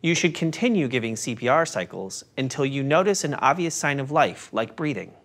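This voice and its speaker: A man narrating a scripted first-aid lesson in a calm, step-by-step instructive manner. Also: medium pitch, a little fast, slight background noise.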